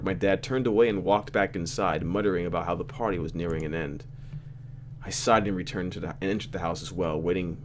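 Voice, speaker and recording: Reading a visual novel aloud as a let's play host, this low-pitched man mixes casual narration with slangy asides delivered in mock exasperation. A faint hiss or hum sits under the audio.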